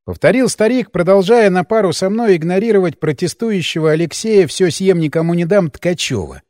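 A man narrating a first-person adventure audiobook with ironic, lively storytelling. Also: high voice, fairly quick, no room sound, clean studio sound. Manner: lively, ironic storytelling, hero's lines shouted up.

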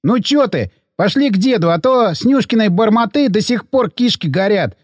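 A man's voice: high-pitched, expressive, moderate pace, dry recording, clean studio sound, pitched above the performer's own voice. A man voicing a whining, pleading drunk male tramp.

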